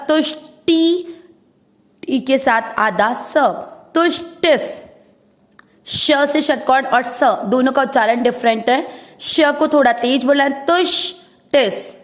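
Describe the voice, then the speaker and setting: A woman teaching Sanskrit verse pronunciation, patiently breaking words into syllables and stretching out each sound. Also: sits high. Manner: patient, drawing out syllables and repeating each word. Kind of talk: slow syllable-by-syllable pronunciation lesson.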